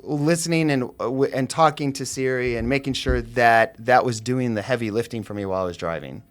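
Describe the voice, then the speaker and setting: Middle-aged man telling lively stories. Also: mid-range voice, brisk. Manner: animated anecdote-telling with frequent fillers and laughter. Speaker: realtor guest. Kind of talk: casual storytelling on a podcast.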